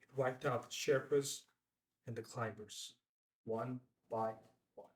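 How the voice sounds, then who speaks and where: At a filmed table read in an indoor room, a man voices a charismatic, slick, self-mythologizing bestselling mountaineer in his late thirties. His medium-pitched voice is slow, fairly even and lightly acted, with a weighty, theatrical, solemn and reverent tone. The room echoes and the microphone sits far away.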